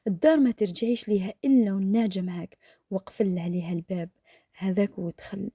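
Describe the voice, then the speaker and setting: A woman's voice: medium pitch, fast, warm tone, breathy edge, dry recording, clean studio sound. A woman voicing a cruel, menacing rural uncle who barks demands, with an Algerian accent. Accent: Algerian Arabic. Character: cruel shouting rural uncle, middle-aged man.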